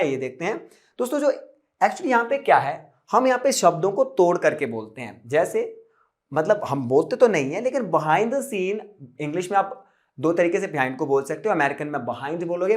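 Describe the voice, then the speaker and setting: Lively Hindi-speaking male English teacher. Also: high voice. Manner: lively, asks questions and answers them himself. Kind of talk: casual Hindi classroom explanation.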